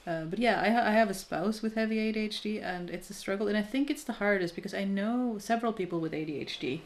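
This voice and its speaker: A fast-talking woman with a mid-range voice, in her thirties and from Norway, hosts a crafting stream and chats casually with viewers. She speaks candidly and thoughtfully, makes self-deprecating remarks, and often restarts her sentences.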